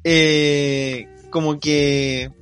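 A young Chilean man with a fairly high voice rambles through a cartoon plot in loose, slangy Spanish. Faint music sits underneath the talk. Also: little pitch movement, extremely slow, a bit bright, clean tone. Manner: rambling storyteller, slangy, laughs while retelling. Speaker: podcast co-host. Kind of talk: casual chat.

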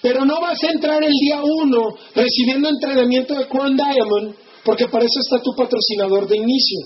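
A man's voice: extremely high pitch, brisk, muffled recording. A man with a Mexican Spanish accent giving a motivational business seminar, acting out the people he quotes and checking in with the audience. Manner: animated, acts out quoted people, asks the audience for agreement.

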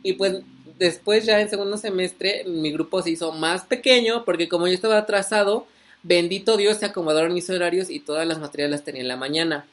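A man's voice: high voice, brisk. A young man with a Mexican accent casually telling a story as a vlogger, rambling with many fillers and asides.

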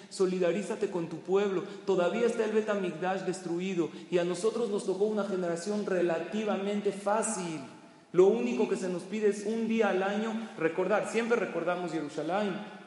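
A man's voice: high voice, darkish tone. A man giving an impassioned sermon in Spanish, full of rhetorical questions. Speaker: rabbi. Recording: echoey hall.

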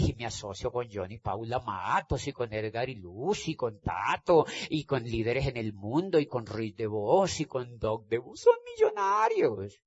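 This Colombian motivational speaker delivers an emphatic stage talk, repeating phrases and checking that his listeners follow. He has a medium-pitched voice with a breathy edge, and the recording sounds dull and lo-fi.

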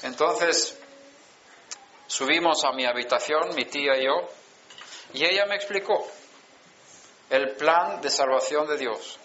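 A man, preaching a personal testimony in slow storytelling with emphatic pauses. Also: on the high side, sharp tone, a little hiss or hum. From Sweden. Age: 60s. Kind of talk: sermon testimony. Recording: dull lo-fi conference recording.

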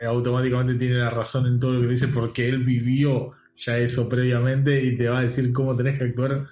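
Flat-voiced wry Rioplatense man. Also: mid-range voice, a little fast. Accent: Rioplatense Spanish. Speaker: podcast co-host. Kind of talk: casual film discussion. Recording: echoey room.

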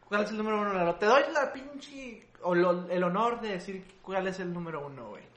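A Mexican man co-hosting a podcast, teasing and joking at a rapid clip in a high voice. The room around him adds a noticeable echo. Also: lively intonation, fairly bright tone. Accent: Mexican Spanish. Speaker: podcast co-host. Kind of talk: casual chat.

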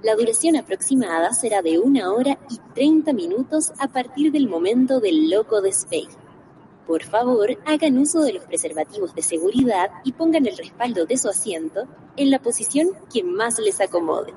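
A woman's voice: on the high side, expressive, mellow, a little hiss or hum. Woman on an airplane intercom. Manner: formal, measured flight-attendant delivery. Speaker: radio show intro announcer. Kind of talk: mock airline cabin announcement. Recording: distant voice, faint ambience.

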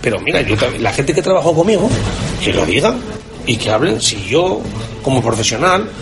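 A man's voice: medium pitch, very animated, normal speed, gravelly, music in the background. A man with a Spanish accent, a sports journalist, talking candidly and emphatically in a colloquial interview. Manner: emphatic, colloquial, rhetorical questions.

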